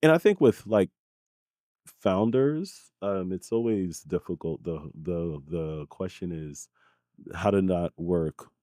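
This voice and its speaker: A man's voice: sits low, slow, no echo, clean studio sound. A man born in Haiti and raised in New York City, a guest in a casual interview who keeps tagging his points with "right?" and "you know?". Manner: animated, tags lines with "right?" and "you know?". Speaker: guest, community founder.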